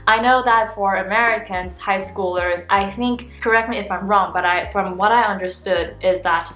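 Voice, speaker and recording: A young woman from Taiwan, a graduate student vlogger whose first language is Mandarin Chinese, talks casually to her camera in a loose, thoughtful way, often restarting sentences and hedging with fillers. Her voice is an ordinary middle pitch at a moderate pace. The room adds noticeable echo, and soft music plays faintly underneath.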